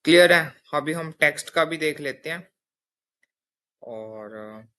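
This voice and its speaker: A man's voice: fairly high pitch, slow pace, pushed and bright. A young man teaching a coding lesson in a casual spoken style, walking through each step and often checking in with his listeners. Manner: explains step by step, often checks with "theek hai".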